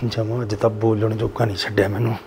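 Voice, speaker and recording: A man's voice: lowish voice, level tone, quick pace, darkish tone, a little hiss or hum, natural voice. An actor playing an older village father-in-law with a Punjabi accent who lectures his family about honour. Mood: scolding. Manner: scolding, lecturing.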